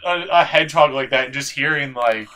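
A man's voice: medium pitch, fairly quick, sharp tone, poor audio. A man doing casual, jokey game commentary as a co-host, riffing as he goes. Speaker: gaming video co-host.

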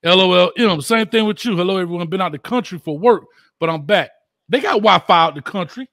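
A man's voice: high-pitched, fairly quick, a bit bright, no echo, studio quality. A man hosting a casual sports talk show, blunt and slangy, teasing his guest and reading viewer comments aloud. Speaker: show host.

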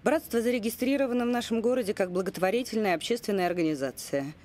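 A woman's voice: mid-range voice, fast talker, darkish tone, natural voice. An actress in her forties playing a matter-of-fact policewoman giving a formal report in a film drama.

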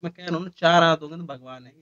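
A young man chatting excitedly and jokingly with friends in a small indoor room. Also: fairly high pitch, rapid-fire, clear, resonant tone, lo-fi sound. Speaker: reaction video co-host. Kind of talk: casual chat.

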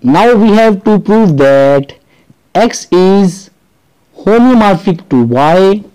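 Pakistani male teacher, slightly high voice, mellow tone, step-by-step lesson narration. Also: animated, clear, resonant tone, poor audio. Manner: deliberate step-by-step explaining, switching between English and Urdu. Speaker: maths teacher.

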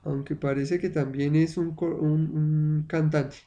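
A man's voice: on the high side, level tone, unhurried, warm tone, highs cut off. A man whose first language is Spanish, teaching an online English lesson and patiently repeating words for his students to drill.

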